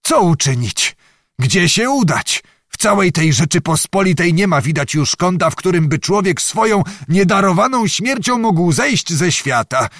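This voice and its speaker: A man's voice: high-pitched, very animated, measured pace, a bit bright, no room sound, studio quality, pitched above the performer's own voice, heavily acted. A man voicing a boisterous, jesting old nobleman who blusters, swears and cracks jokes in an audiobook reading. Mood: grumbling. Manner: blustering and exclamatory, full of oaths and quips.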